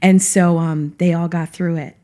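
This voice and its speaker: A woman's voice: on the low side, moderate pace. A middle-aged woman, a former teacher, telling a vivid story as a podcast guest. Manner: animated storyteller.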